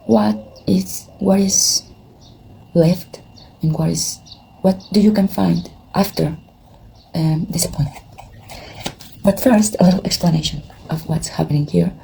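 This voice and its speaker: A tired tarot reader with a Mexican Spanish accent, who hasn't slept, chats casually to camera for her viewers, hesitant and heavy with fillers and restarts. Her lowish voice is gravelly and mellow, and the poor audio carries slight background noise.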